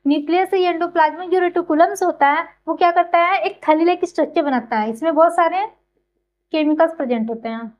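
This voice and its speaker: Woman with a very high voice who teaches by everyday comparisons and quick questions she answers herself. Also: dull audio. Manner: keeps asking and answering her own questions. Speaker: biology teacher. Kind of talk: explanatory classroom lecture.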